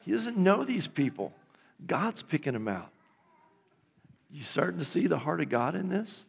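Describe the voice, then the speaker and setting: A man's voice: on the high side, very animated, normal speed, gravelly, husky. A middle-aged man, a pastor preaching a conversational sermon in a church and checking in with the congregation. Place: church sanctuary.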